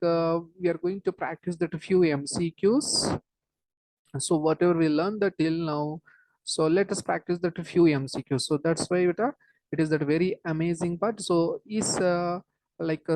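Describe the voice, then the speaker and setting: A woman with an Indian accent teaching an online lesson in a halting, repetitive way, dropping in Hindi interjections. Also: low voice, a little mellow, no room sound, poor audio. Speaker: chemistry teacher.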